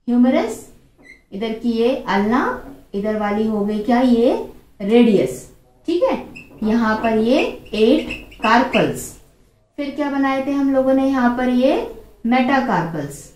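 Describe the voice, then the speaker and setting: A woman's voice: fairly high pitch, a little mellow. A young woman biology teacher explaining a diagram step by step, asking her students questions and answering them herself. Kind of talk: classroom lesson, drawing and explaining. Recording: echoey room.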